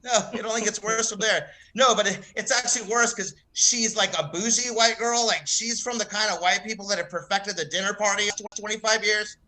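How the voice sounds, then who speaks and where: Guy from the south doing a standup set, high bright voice, laughs a lot, swears. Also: steady tone, rough recording. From American South. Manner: rapid, laughing, swearing storyteller. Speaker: stand-up comic.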